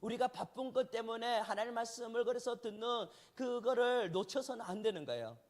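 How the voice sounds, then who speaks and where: A man's voice: very high voice, animated, brisk. A male pastor delivering a sermon in a conversational way, often asking the congregation rhetorical questions. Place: church sanctuary.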